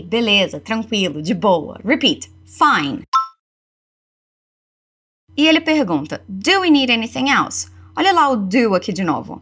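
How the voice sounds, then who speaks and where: A Brazilian woman teaching English, modelling phrases slowly for learners to repeat. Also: mid-range voice, a bit bright, slightly rough. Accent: Brazilian Portuguese. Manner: slow, deliberate model pronunciation. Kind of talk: language lesson with repeat-after-me drills.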